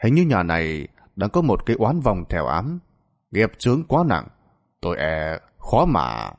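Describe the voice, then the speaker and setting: A man voicing a solemn old male exorcist who speaks slowly and gravely in a spoken folk tale. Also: low-pitched, huge pitch swings, exaggerated voice. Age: older.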